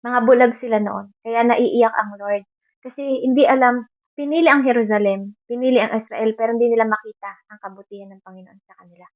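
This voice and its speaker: A woman's voice: on the high side, fairly even intonation, brisk. A woman with a Filipino accent preaching a sermon earnestly, quoting Bible verses in English. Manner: earnest, mixing Tagalog with English Bible quotes. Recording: dull lo-fi recording.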